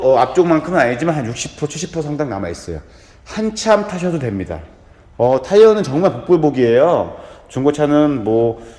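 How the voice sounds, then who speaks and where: A man presenting a used car as a dealer in a walkaround sales pitch, with smooth salesman patter, going item by item. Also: darkish tone. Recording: long reverberant echo.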